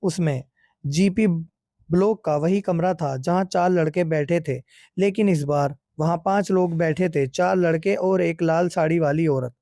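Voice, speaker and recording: Male horror narrator, high pitched, dark mellow tone, steady suspense. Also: a little slow, no echo, studio quality. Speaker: horror storyteller.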